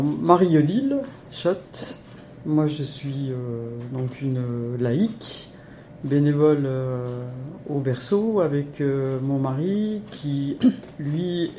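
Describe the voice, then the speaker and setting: A woman in her sixties from Lorraine, introducing herself as a lay volunteer in a radio interview, speaking hesitantly with many pauses. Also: very deep voice, warm tone, slight background noise. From Lorraine, France.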